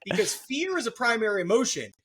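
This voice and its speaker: A man's voice: very high voice, very animated, quick pace, a bit bright, husky. A middle-aged man hosting a podcast, explaining psychology in a casual, joking way with lots of fillers. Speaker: podcast host, therapist.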